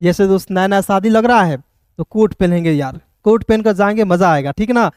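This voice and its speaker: Somewhat mellow yet high-pitched, a man speaks fairly quickly in a clean, studio-quality recording with no room sound. He delivers a classroom-style English lesson step by step, asks frequent questions, and repeatedly addresses listeners as friends.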